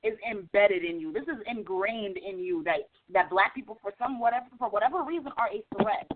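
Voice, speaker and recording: A woman joining a casual podcast discussion as a guest, speaking forcefully and with indignation. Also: medium pitch, a little fast, slight background noise. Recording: tinny phone-like audio.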